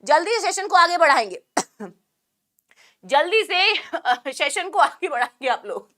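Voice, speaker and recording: A young woman with a sore throat teaching an online vocabulary class, joking and firing quick questions at her students. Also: extremely high pitch, big pitch swings, fairly bright tone. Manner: playful, jokey, quizzing students with quick questions. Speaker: English teacher.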